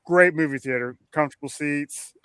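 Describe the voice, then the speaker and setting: A man's voice: a little high, moderate pace, fairly bright tone, clean tone, dry recording. A man hosting a casual podcast livestream from home, friendly and chatty, laughing easily. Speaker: podcast host. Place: home room during a storm.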